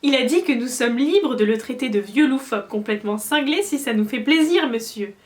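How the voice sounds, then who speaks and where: A woman voicing a timid, eager male house-elf with a high, earnest, anxious voice. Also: lively intonation, fairly quick, close to an everyday voice. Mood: nervous.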